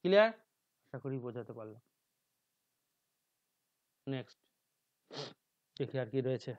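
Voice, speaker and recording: A male teacher with a Bengali accent talks through exam questions in a lecture. He reads English phrases slowly and drops into quiet asides. The recording is dry and a little dull. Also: expressive, no room sound. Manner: explains slowly, reads English options aloud slowly, drops to low mutters.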